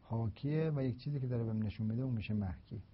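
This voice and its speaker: A man delivers a philosophy lecture in a husky, slightly breathy voice. He works through each point slowly and deliberately, repeating examples to make them clear. The recording sounds dull and lo-fi. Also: medium pitch.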